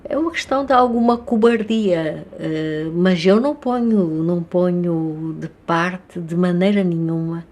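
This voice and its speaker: Speaking in a low-leaning, darkish voice, an older woman from Angola gives a documentary interview in Angolan Portuguese-accented speech. She is thoughtful and unhurried, hesitating and leaving many pauses.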